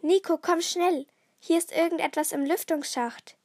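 A woman voicing an excitable young girl detective, eager and breathless. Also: sits high, moderate pace, no room sound, clean studio sound. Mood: excited.

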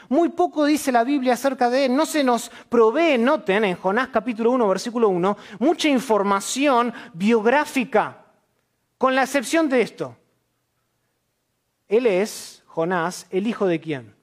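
A man, a church elder, preaching an expository sermon to a congregation, asking questions and answering them himself. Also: very high voice. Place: church service.

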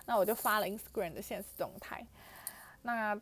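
A woman's voice: mid-range voice, normal speed, fairly bright tone, slight background noise. A young woman with a Taiwanese Mandarin accent, animatedly retelling a personal story for her vlog with frequent fillers and exclamations. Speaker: vlogger. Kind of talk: storytelling to camera.

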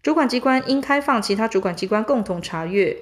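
A woman reads statute text aloud in a formal, measured and methodical way, item by item. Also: a little high, expressive. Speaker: reader of legal text.

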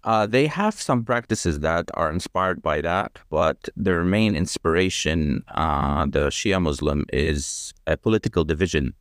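A man speaking as a podcast guest, explaining at length in a measured way, with frequent fillers and restarts. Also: sits low, animated, dry recording, studio quality. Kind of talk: conversational explanation.

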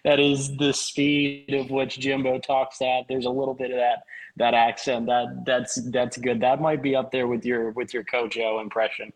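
A man's voice: mid-range voice, moderate pace, low-quality recording. Easygoing man chatting about football. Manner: relaxed, agreeable, stammers on restarts. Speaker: podcast co-host. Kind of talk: casual sports chat.

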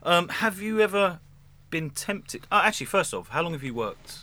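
A man's voice: high voice, sing-song, moderate pace, pushed and bright. A man hosting a casual comic chat, with a blokey, teasing manner. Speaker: podcast host.

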